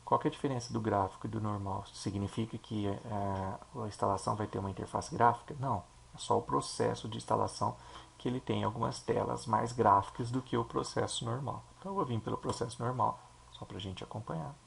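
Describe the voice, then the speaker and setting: A man with a Brazilian Portuguese accent, a teacher explaining a software installation step by step and checking in with his listeners. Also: lowish voice, steady tone, fairly quick, vocal fry. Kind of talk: screen-recorded software tutorial.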